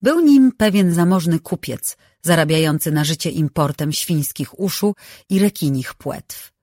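An audiobook narrator reading a novel in a measured, even way on a close microphone. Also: medium pitch, no echo.

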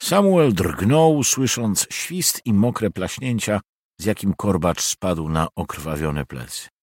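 Husky expressive audiobook narrator, man. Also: low voice, slow, no room sound, studio quality. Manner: expressive storytelling. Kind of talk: audiobook reading of a historical novel.

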